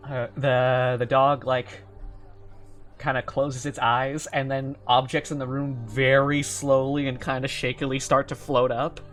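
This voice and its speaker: A man's voice: medium pitch, level tone, measured pace, fairly bright tone, soft background music. A man running a tabletop game as game master, narrating off the cuff in an informal, sweary way.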